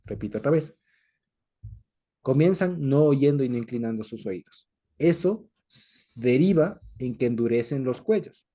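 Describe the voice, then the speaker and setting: A man's voice: mid-range voice, mellow, slight background noise. A man teaching a scripture study to a group, explaining each point patiently, repeating himself and often asking the listeners whether they follow. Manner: explanatory, repeats points and checks understanding with frequent questions. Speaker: Bible teacher.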